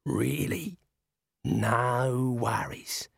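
A man voicing a tough male dwarf who speaks bluntly and deadpan. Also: medium pitch, very slow, gravelly, husky, no room sound, studio quality, exaggerated voice.

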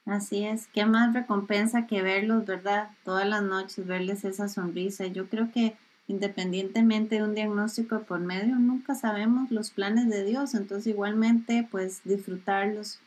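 A woman podcast host interviewing a mother, speaking gently and affirming with frequent backchannel sounds. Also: mid-range voice, steady tone, measured pace, hardly any pauses, rough recording. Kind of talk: conversational interview.

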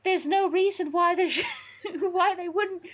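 A woman reading aloud and voicing an overthinking boy wizard in a rushed way, giggling as she reads. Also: extremely high pitch, voice pushed up. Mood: reasoning. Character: self-assured boy wizard, overthinking everything.

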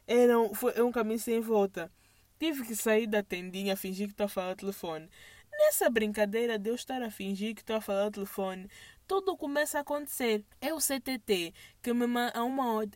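Animated high-voiced young woman. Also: no echo. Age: young adult. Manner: animated, mixes English phrases into Portuguese. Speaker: vlogger. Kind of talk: casual storytime monologue.

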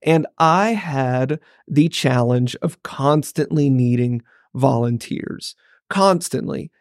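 A man who is a pastor co-hosts a church podcast and tells stories in a wry, lively way. His voice sits at a middle pitch. The recording is close and dry. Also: takes it slowly, no room sound. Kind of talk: casual conversation.

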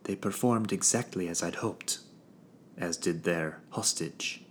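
A man doing a regal queen who speaks with casual, airy command, like someone who owns every room. The voice sits low and moves unhurried. A faint rumble hums underneath. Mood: smug. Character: calm commanding queen, in full control.

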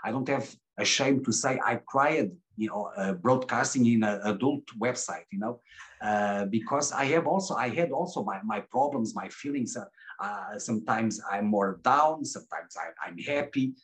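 This middle-aged webcam broadcaster is a guest giving candid interview answers at a moderate pace, his voice fairly low. He comes across as hesitant, tripping over himself and restarting and repeating words often.

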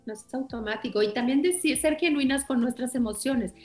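Woman, parenting coach on a podcast, fairly high voice, earnest, quotes dialogue, echoey room, faint music behind. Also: brisk, darkish tone. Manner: earnest, advice-giving, acts out quoted dialogue. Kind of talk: casual podcast conversation.

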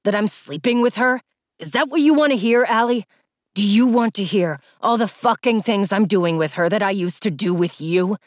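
A woman voicing a defensive, angry teenage male football star, lowering her voice and speaking curtly. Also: animated, unhurried, no echo, clean studio sound.

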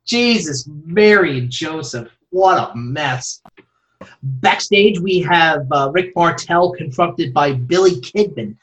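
A man's voice: fairly high pitch, slow pace, a bit bright, highs cut off. A man co-hosting a podcast in casual chat, making wry, dry jokes. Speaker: podcast co-host.

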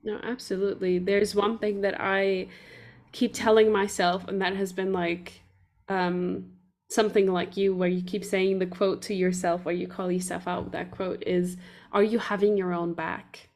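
Woman hosting a chill podcast, medium voice, rambly, thinks out loud a lot. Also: mid-range voice, little pitch movement, moderate pace. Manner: rambling, loose, lots of fillers and restarts. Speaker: podcast host. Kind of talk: casual podcast conversation.

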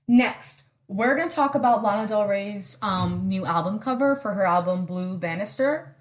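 A young woman hosting a solo podcast in casual chat, sarcastic and rambling, full of "like" and quick asides. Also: mid-range voice, lively intonation. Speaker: podcast host.

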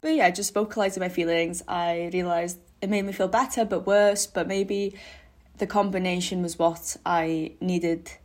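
A woman's voice: fairly low pitch, fairly even intonation, moderate pace, a little mellow. Rambling, sweary young woman. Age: young adult. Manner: rambling, candid, sweary, self-mocking humour. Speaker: podcast host. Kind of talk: casual solo podcast chat.

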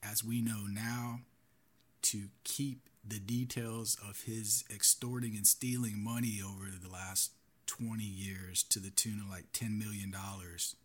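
A man hosts his own podcast alone, talking to listeners in an earnest, cautionary way. His voice sits a bit low and has a husky, slightly breathy grain. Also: fairly even intonation, a little slow. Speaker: podcast host. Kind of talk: solo podcast commentary.

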